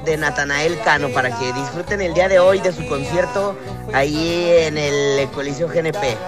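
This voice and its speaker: A man's voice: fairly high pitch, moderate pace, over music. A man in his twenties with a Mexican accent, reporting live for the radio from the street, teasing his co-host and laughing often. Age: 20s.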